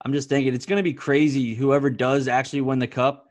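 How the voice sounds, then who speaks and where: A man's voice: mid-range voice, little pitch movement, fast talker. A man co-hosting a casual sports chat, musing aloud with frequent filler words.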